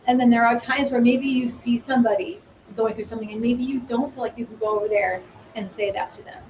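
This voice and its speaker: A woman hosting a spiritual talk show, speaking in a warm, encouraging and preaching way. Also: on the high side, fairly even intonation, quick pace, echoey room. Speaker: host. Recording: distant mic, faint noise.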